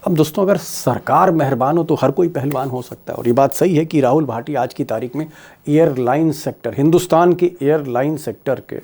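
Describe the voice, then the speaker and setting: Emphatic high-voiced male commentator. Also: a little fast, a little mellow. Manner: emphatic, rhetorical questions, repeats key phrases. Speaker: YouTube political commentator. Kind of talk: political commentary monologue.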